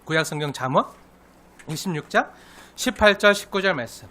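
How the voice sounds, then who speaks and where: A man's voice: fairly high pitch, expressive, a little fast, bright, forceful tone. A pastor preaching a sermon, emphatic and full of rhetorical questions to his congregation.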